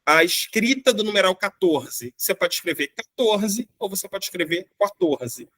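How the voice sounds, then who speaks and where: A man's voice: high voice, expressive, moderate pace, bright, forceful tone, no room sound. A man from Brazil teaching a grammar lesson, explaining patiently and often checking in with "né?" and "tá?". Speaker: Portuguese teacher.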